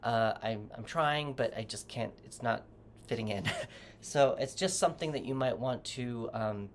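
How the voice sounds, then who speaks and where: Addressing the viewer straight on, this tarot reader offers gentle advice in a relaxed, wandering reading, frequently stopping to correct themself. They speak at a medium pitch and a measured pace, with slight background noise present.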